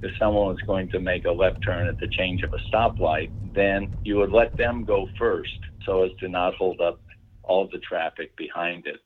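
A man explains casually in a low voice. The sound is narrow and phone-like, like a sent-in clip. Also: moderate pace, slight background noise. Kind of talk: casual explanation in a vox pop. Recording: muffled, phone-like voice memo sound.

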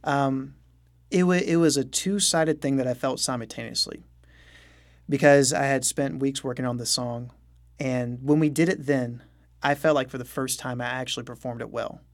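A young musician, guesting in a casual interview, talks candidly and self-deprecatingly, breaking into light chuckles. His voice is medium-pitched with fairly even intonation at a moderate pace.

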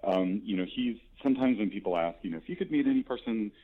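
A man's voice: fairly low pitch, lively intonation, quick pace, phone-quality sound. A man being interviewed as a company expert, answering thoughtfully with many hesitations.

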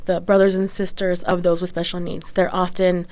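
A woman's voice: lowish voice, level tone, normal speed, a little mellow. A woman giving earnest, methodical explanations as an interview guest. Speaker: nonprofit executive director, interview guest.

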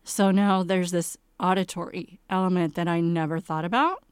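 A woman's voice: on the low side, fairly even intonation, normal speed, clean tone, dry recording, studio quality. A woman playwright being interviewed about her work, speaking candidly with a self-deprecating, wry humor. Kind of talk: interview conversation.

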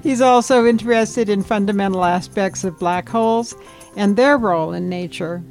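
A woman's voice: mid-range voice, moderate pace, creaky, a little mellow, soft background music. A woman hosting a radio program, reading a scripted introduction steadily and stopping to check pronunciations. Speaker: radio host.

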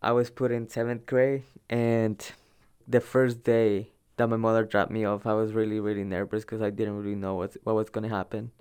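A young adult Salvadoran man whose native language is Spanish narrates his own migration story informally, in a conversational and somewhat hesitant manner. He has a clear, smooth, fairly low and slightly mellow voice, and he often repeats words for emphasis.

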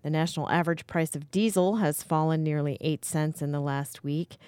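A woman's voice: low-pitched, fairly even intonation, normal speed, a little mellow, clear, resonant tone, dry recording. An American woman anchoring a radio newscast, reading scripted news items.

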